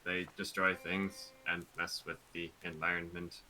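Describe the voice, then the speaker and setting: Male player as an old robot, slow, bright, clipped. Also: low-pitched, exaggerated voice, rough recording. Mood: deadpan. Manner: clipped, flat robotic statements. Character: old male robot, literal-minded and stiff.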